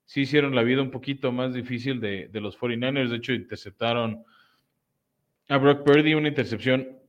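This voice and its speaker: A man's voice: medium pitch, brisk. A man co-hosting a casual sports talk show, breaking down games analytically. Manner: analytical, frequent fillers. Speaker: podcast co-host. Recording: muffled lo-fi audio.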